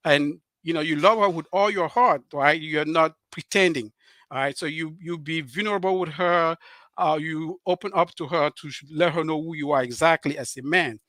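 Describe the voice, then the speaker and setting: On a live show, a middle-aged author from Cameroon talks with a Cameroonian French accent, sincere but hesitant, restarting often and using many fillers. His voice is a little high and fairly bright, recorded dry.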